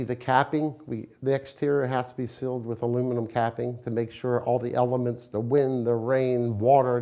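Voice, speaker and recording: A man's voice: mid-range voice, mellow. An American man, a business owner, giving a conversational promotional interview in a plain-spoken, explanatory, folksy way. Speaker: window company owner, interviewee.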